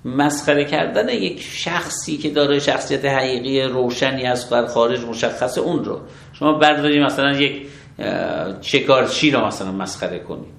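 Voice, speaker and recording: A man, a religious law scholar, explaining rulings step by step in an interview, measured and methodical. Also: mid-range voice, gravelly, a bit bright, roomy sound. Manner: measured, methodical, affirms with short approvals.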